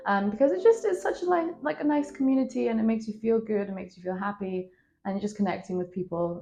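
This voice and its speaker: Woman, 20s, from Scotland; chatty, rambling vlogger voice, mid pitch, light music underneath. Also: darkish tone. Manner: chatty, rambling, self-deprecating. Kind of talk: casual vlog talk to camera. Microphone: phone with plug-in microphone.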